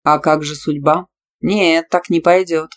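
A woman voicing a self-assured, domineering young male teacher who speaks calmly and growls at times. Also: sits low, unhurried. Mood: smug. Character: smug, pushy male teacher, calm and domineering.

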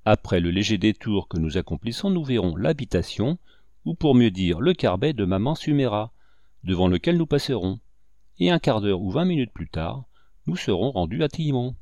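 A man voicing a shrewd old hunter and guide who talks in a calm, fatherly, gently teasing way, in an audiobook reading. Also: on the low side, moderate pace, no room sound. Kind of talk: audiobook character voice.

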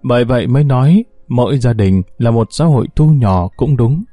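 A man narrating a scripted story in a steady, measured way. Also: medium pitch, dry recording.

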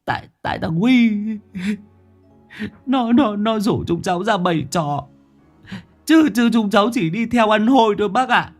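A man's voice: high-pitched, lively intonation, a little slow, long pauses, soft background music, pitched above the performer's own voice. A man voicing a terrified village boy who stammers and begs. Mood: stammering apology. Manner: stammering, begging.

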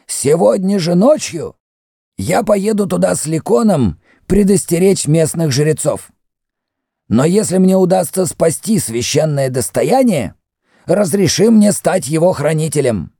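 A man voicing a stern, scheming old male high priest who speaks in a commanding, indignant way. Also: very animated, normal speed, warm tone, dry recording, clean studio sound.

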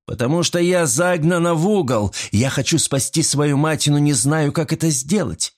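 A man voicing a cold, scheming young woman who speaks in a deliberate, icy way, in a storybook reading. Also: fairly high pitch, darkish tone, pitched above the performer's own voice. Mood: coldly menacing.

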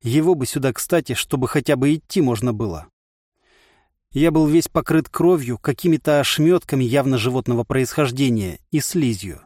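A man's voice: mid-range voice, moderate pace, darkish tone, no echo, clean studio sound. A man narrating a first-person audiobook with a wry, sardonic delivery.

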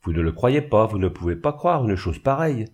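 Un gars qui fait une jeune fille indignée, voix qui tremble, intonation très vivante. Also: male voice, lowish voice, very animated, brisk, darkish tone. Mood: distressed. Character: proud, frightened young woman.

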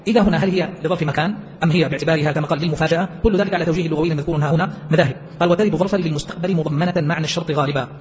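Male teacher, rapid explanatory delivery, slightly dull recording. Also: on the high side. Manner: rapid, explanatory, quotes verses in between. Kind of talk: classroom text commentary.

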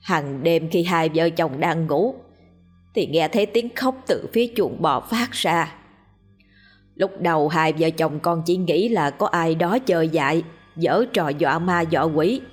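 A woman's voice: deep voice, animated, a little slow, soft background music. A woman voicing a grieving village wife who pleads with the elders humbly and tearfully. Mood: recounting.

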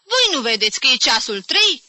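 Sharp, bossy old lady, read by a woman; high exclamations, bright tone. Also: big pitch swings, dry recording, exaggerated voice. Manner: pointed, exclaiming.

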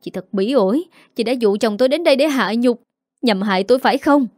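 A woman narrator voicing a wronged young wife who speaks quickly and shrilly as she pleads and accuses, in an audiobook story. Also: a little mellow, no room sound, clean studio sound, natural voice. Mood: furious. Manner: shrill, accusing, talks fast.

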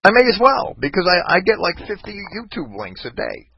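A man's voice: sits high, sing-song, fairly quick, creaky, slightly rough, no room sound. A man hosting a casual call-in talk show, rambling and ranting with many restarts. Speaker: podcast host. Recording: dull lo-fi online voice chat.

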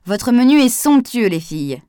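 A woman's voice: a little high, big pitch swings, normal speed, mellow, smooth, no echo, clean studio sound, pitched above the performer's own voice. A woman reading aloud, voicing a younger man who speaks fondly and wistfully of the past. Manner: wistful, fond. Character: Adrien, a nostalgic younger man.

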